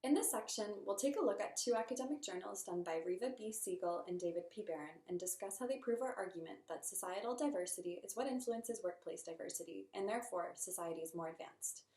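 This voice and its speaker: A woman's voice: mid-range voice, fast, hardly any pauses. A young woman from Canada, a student earnestly reading her part of a group presentation. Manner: steady, earnest reading from a script. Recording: echoey room.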